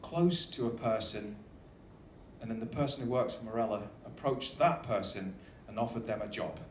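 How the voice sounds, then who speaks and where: Speaking on the low side at a moderate pace, a man takes on the part of an upbeat cruise director and delivers a jokey welcome to an audience in a large indoor space on a ship. He uses a stage microphone, and the recording has a roomy echo plus faint background noise.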